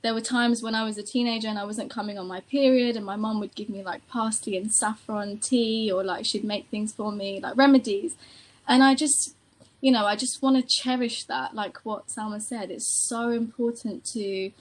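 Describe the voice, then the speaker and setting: Animated woman from Iran, high voice. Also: normal speed, low-quality recording. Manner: animated, passionate storytelling with many fillers. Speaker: panel guest. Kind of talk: casual panel conversation.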